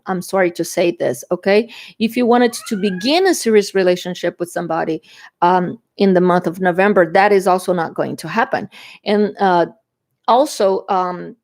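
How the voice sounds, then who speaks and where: The tarot reader, a native Portuguese speaker from Brazil, has a mid-range voice with a darkish tone. She chats through the reading in a Brazilian Portuguese accent, full of fillers and frequent "okay?" tags.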